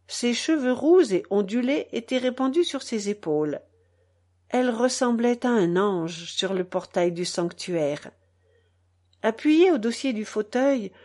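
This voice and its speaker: A woman with a medium-pitched voice narrates a novel as an audiobook reader. Her scripted delivery is measured and even, in a storytelling style.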